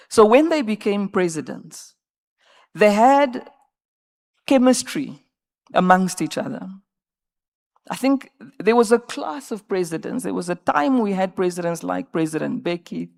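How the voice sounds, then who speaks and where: Woman panelist in her fifties with a gravelly edge and an emphatic, rallying conference delivery. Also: fairly low pitch. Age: 50s. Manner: emphatic, rallying, repeats words when searching. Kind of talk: panel discussion remarks. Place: conference stage.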